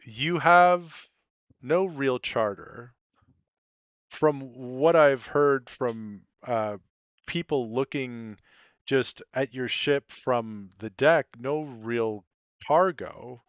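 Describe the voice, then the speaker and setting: Guy running a tabletop game, slow and measured, lots of ums, dry slightly dull mic. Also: mid-range voice, smooth, no echo. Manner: measured, with frequent ums and uhs. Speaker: game master. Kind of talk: tabletop role-play narration and character voicing.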